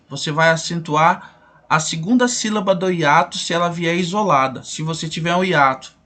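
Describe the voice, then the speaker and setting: A man's voice: high-pitched, fairly bright tone. A man with a Brazilian Portuguese accent teaching a grammar lesson, asking questions and answering them himself while repeating the rules.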